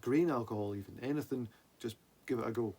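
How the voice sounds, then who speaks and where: A man's voice: mid-range voice, quick pace, a little mellow. A man co-hosting a casual, boozy whisky chat, rambling and often losing his thread. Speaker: podcast co-host. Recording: clear background noise.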